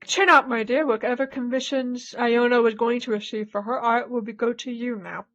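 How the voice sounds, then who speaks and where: A woman voicing a poised, protective female art professor in a formal, measured tone. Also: on the high side, steady tone, fairly bright tone, muffled recording. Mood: composed.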